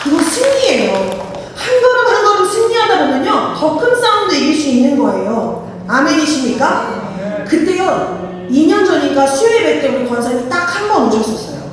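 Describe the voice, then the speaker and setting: A woman's voice: high-pitched, sing-song, moderate pace, crowd noise. A woman pastor preaching a fervent sermon and calling for responses from the congregation. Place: church sanctuary. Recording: echoey church hall from far off.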